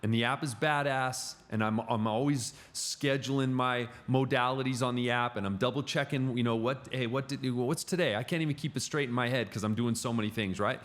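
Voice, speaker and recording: A middle-aged man chatting casually on a podcast, telling animated stories with frequent restarts. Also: medium pitch, fairly quick, few pauses. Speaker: gym client and podcast guest. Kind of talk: casual podcast chat, storytelling.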